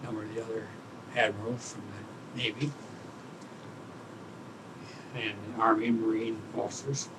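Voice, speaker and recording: Halting elderly veteran, remembering. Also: male voice, fairly low pitch, little pitch movement, background noise. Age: older, around 80. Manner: old veteran remembering, halting and searching for words. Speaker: war veteran interviewee. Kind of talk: oral history interview, reminiscing.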